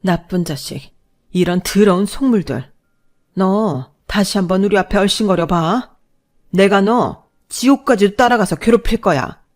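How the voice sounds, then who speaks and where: A woman voicing a fiery, protective middle-aged widowed mother who scolds loudly. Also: fairly low pitch, expressive, normal speed, lightly acted. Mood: furious.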